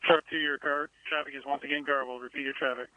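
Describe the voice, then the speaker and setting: A man's voice: on the high side, flat delivery, fast talker, highs cut off. A man working as a fire dispatcher, formally reading back radio traffic in clipped phrases.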